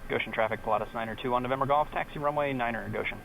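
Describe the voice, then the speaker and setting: Fast-talking male pilot over a headset. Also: mid-range voice, creaky. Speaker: pilot making radio calls. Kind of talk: aviation radio phraseology. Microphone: aviation headset. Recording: noisy cockpit headset radio audio. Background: aircraft cabin noise.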